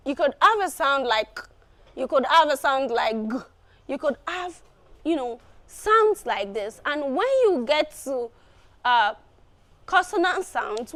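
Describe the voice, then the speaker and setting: A woman teacher walks through an exam preparation lesson. Her voice sits high, and she talks slowly, circling back to repeat phrases as she explains. She leans on small fillers between points. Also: a bit bright.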